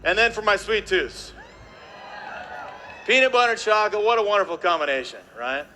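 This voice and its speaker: A man presenting on stage to a live audience, energetic and jokey, working the crowd with constant tag questions. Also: high voice, brisk, slight background noise.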